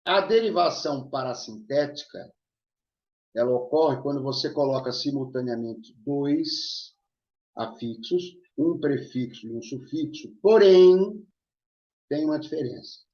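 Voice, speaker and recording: A man's voice: mid-range voice, a little slow, darkish tone. A male teacher explaining grammar in an online lesson, checking in with his students as he goes. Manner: explanatory, checks in with listeners often. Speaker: Portuguese teacher. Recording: echoey room, dull lo-fi sound.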